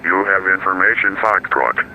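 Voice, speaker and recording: A man heard as a recorded airport weather broadcast over the radio, reading codes and figures in a flat, level way. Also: deep voice, moderate pace. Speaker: automated airport information announcer. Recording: dull lo-fi radio with faint hiss.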